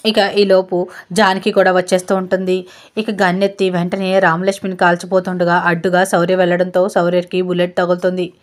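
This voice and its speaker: A woman hosting her channel and retelling a TV serial episode in a steady narrating way. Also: fairly low pitch, fast talker. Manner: steady retelling with repeated connectives.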